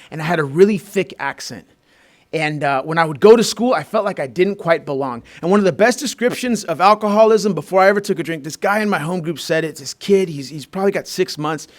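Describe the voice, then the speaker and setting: A man from Peru, raised in Southern California, giving a heartfelt personal recovery share as the main speaker at a meeting in a school room, talking loosely with fillers and restarts. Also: a little high.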